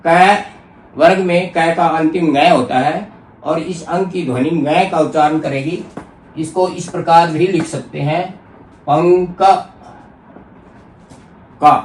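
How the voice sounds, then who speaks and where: A man teaching a Hindi grammar lesson, speaking deliberately and repeating example words to show how they are pronounced. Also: a little high. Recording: echoey room, distant mic, faint noise.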